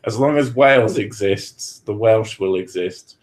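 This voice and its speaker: Speaking at a measured pace in a fairly low voice, a British man hosts a podcast and responds to questions. The conversation is casual, with joking, free swearing and frequent laughs.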